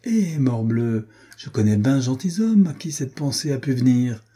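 A man's voice: medium pitch, animated, mellow, slightly rough, pitched above the performer's own voice. A man voicing a mocking young nobleman who jeers and taunts his rival. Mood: teasing. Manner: jeering, quick with taunts.

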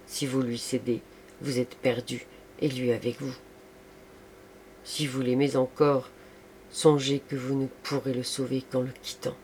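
A thoughtful, caring male friend offers calm, earnest counsel, read by a man in his own voice. He speaks at a middle pitch with quiet seriousness. A faint hiss lies behind the voice. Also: close to an everyday voice. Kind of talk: audiobook reading.

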